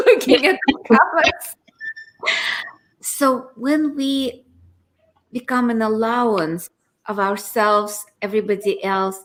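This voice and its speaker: A woman co-hosting a casual online conversation, musing in a reflective, spiritual way. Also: a little high. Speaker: co-host.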